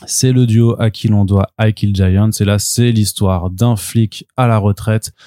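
A relaxed man from France co-hosting a comics podcast, joking and pausing on fillers. His voice sits low and dark. The sound is dry and close-miked. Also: no echo. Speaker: podcast co-host. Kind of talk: casual chat reviewing comics.

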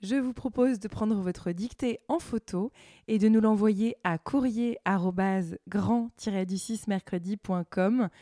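A woman presenter reading a scripted closing announcement to listeners in a clear, even way. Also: mid-range voice, measured pace.

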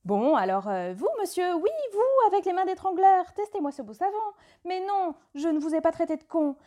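A woman's voice: sing-song, normal speed, mellow. A woman playing a brash rhyming soap hawker. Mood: flustered. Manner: sing-song rhyming sales patter, jumpy pitch. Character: brash fast-talking female soap hawker.

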